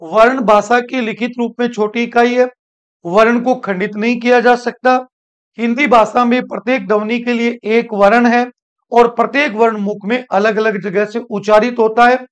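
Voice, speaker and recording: Smooth-voiced teacher explaining a grammar lesson. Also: male voice, very high-pitched, steady tone, normal speed, highs cut off. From India. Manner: explains step by step, repeats points, asks and answers his own questions. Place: school classroom.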